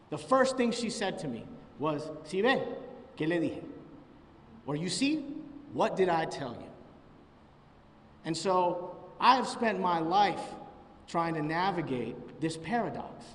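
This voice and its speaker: A man giving an earnest, emphatic speech at a press conference as a state senator. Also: high voice. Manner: earnest, emphatic public speaking. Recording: echoey hall from far off.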